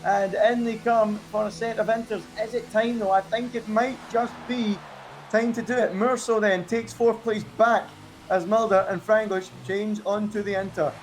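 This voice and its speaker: A man's voice: high voice, fairly even intonation, normal speed, a little hiss or hum. A man giving co-commentary and analysis on a live esports race, chatty and fond of rhetorical questions.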